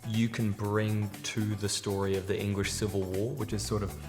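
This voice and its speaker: A drama student, a man with a lowish voice, chats casually in an interview. The hall rings with reverb. Music plays behind him. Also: flat delivery, moderate pace.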